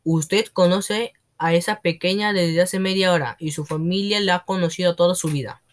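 In a storybook reading, a man with a high voice plays a domineering headmistress who roars, bullies, and bosses others with booming contempt. His own voice stays close to everyday speech, with fairly even intonation and a moderate pace.

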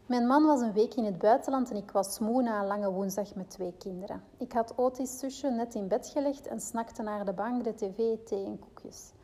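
A woman with a Flemish accent reads a parenting book aloud in a mellow, darker tone. She keeps an even reading pace, then slips into rambling asides full of hesitations. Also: a little high, moderate pace, hardly any pauses. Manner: reads steadily, then rambles with fillers in her own asides.

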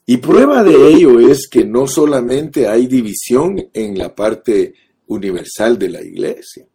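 A preacher delivers his sermon in an unhurried, deliberate way, leaning on repeated phrases and turning often to address the listener directly. His voice is low, mellow and a little husky, and he speaks. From Guatemala.

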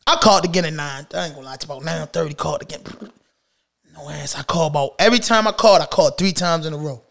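A middle-aged man telling a story from his own past in a casual storytime, slangy and animated, swinging between loud bursts and low mutters. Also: fast talker, vocal fry.

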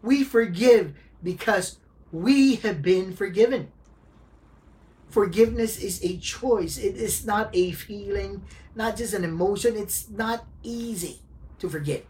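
A woman pastor delivering a sermon, speaking deliberately and repeating key phrases for emphasis. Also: mid-range voice, darkish tone.

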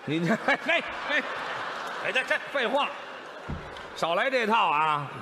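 High, bouncing Beijing crosstalk sidekick. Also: male voice, big pitch swings, a crowd in the background, noisy background. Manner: quick interjections and exasperated protests. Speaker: supporting crosstalk comedian. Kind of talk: comic crosstalk backing.

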